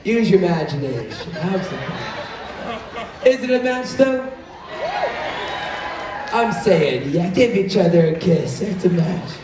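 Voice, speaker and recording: A man's voice: high voice, big pitch swings, slow, pauses often, crowd noise. A man working as an upbeat cruise director, hosting a live couples game show in a teasing showman's manner. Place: large indoor show venue on a cruise ship. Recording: echoey hall, distant, faint background noise.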